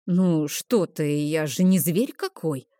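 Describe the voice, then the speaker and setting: A woman's voice: mid-range voice, sing-song, measured pace, warm tone, dry recording. Woman voicing smug old male healer, gray-haired, drawling, condescending, dry close sound. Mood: gloating.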